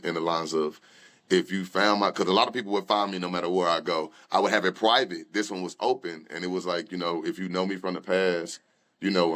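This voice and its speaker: A man's voice: sits low, fairly bright tone. A young man, a rapper and guest, telling his personal story candidly in loose conversational talk with many fillers and restarts. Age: young adult.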